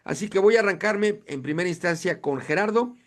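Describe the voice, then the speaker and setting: A man moderating an online panel, introducing each speaker warmly and courteously over a video call. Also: high-pitched, animated, fairly quick.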